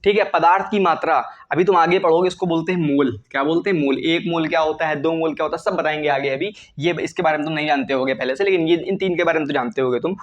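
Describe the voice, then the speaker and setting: A man's voice: on the high side, fast, hardly any pauses, muffled recording. A male chemistry teacher lecturing students in speech, often asking a question and answering it himself. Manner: asks and answers his own questions. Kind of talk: classroom lecture.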